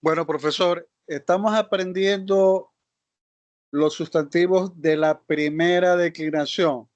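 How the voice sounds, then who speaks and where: A man's voice: fairly high pitch, steady tone, slow, no room sound. Polite male student on a muffled call. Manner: polite, addresses the teacher formally. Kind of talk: class participation.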